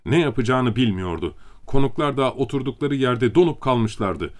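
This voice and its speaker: A man's voice: medium pitch, lively intonation, moderate pace. Man reading an audiobook aloud. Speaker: audiobook reader. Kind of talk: scripted narration.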